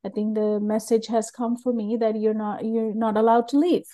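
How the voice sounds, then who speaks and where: A middle-aged woman from Sri Lanka, the creator of a learning method, appears as a guest in a candid personal interview. Her voice is on the high side and dark in tone, with fairly even intonation at normal speed, as she shares her story openly and earnestly in loose, rambling phrases.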